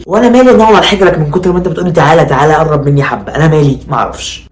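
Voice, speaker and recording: Egyptian male comic, observational monologue, extremely quick and exasperated, mid-range pitch, roomy echo. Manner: mock-exasperated, rhetorical questions, repeats himself. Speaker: stand-up comedian. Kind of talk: conversational observational stand-up comedy monologue.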